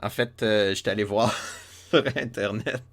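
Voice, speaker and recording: A man talks through a game in a relaxed, joking way, often looping back on his words. His voice sits on the low side. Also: measured pace. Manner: playful, joking, many fillers and restarts. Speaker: let's play host. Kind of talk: casual game commentary.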